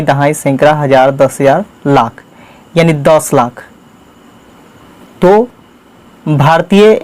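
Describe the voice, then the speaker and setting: A patient teacher who hosts a maths channel for children, walking through each step and counting terms out one at a time. The delivery is steady and repetitive, built for young learners to follow along. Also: mid-range voice.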